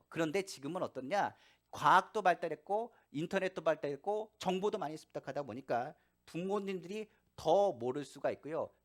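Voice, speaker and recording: A male pastor preaching a sermon in church, telling stories and acting out the voices in them. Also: fairly high pitch. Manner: animated storytelling, acting out quoted voices. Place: church sanctuary.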